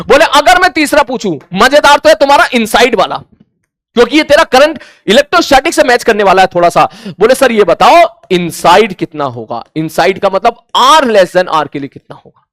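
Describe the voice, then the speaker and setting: A man's voice: extremely high pitch, expressive, moderate pace, a bit bright, dry recording, studio quality. A man teaching a physics class, acting out back-and-forth dialogue with imagined students in a conversational way. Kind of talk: classroom lecture.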